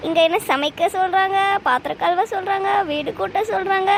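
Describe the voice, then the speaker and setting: A woman's voice: very high voice, fairly quick, creaky, background noise. A woman voicing a spoiled young married daughter in a cartoon, whiny and complaining. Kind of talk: cartoon voice acting.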